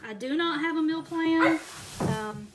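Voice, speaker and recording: A chatty middle-aged woman talks casually to her viewers as she holds up items at home, laughing now and then. Her voice sits a little high. It is recorded on a handheld phone, and heavy noise runs behind her the whole time. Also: measured pace. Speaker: vlogger showing a grocery haul. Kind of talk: casual chat. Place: indoors at home, camera pointed at groceries. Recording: loud background noise.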